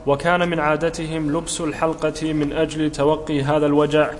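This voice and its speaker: A man reads a religious text aloud for his teacher in a fairly high and very flat voice. The sound has a long hall reverb with faint noise behind it. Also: brisk. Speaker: student reading the text aloud.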